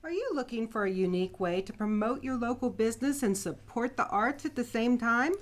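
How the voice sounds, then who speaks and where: A woman's voice: fairly high pitch, lively intonation, a little fast, soft background music. A woman announcer reading a scripted promotional spot for radio.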